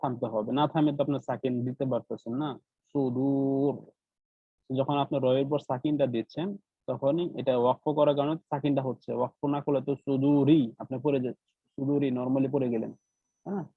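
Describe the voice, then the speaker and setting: A man's voice: medium pitch, steady tone, fairly quick, no echo. A man teaching Quran recitation rules in an online class with a Bangladeshi Bengali accent, explaining step by step and often checking that students follow. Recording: dry tinny call audio.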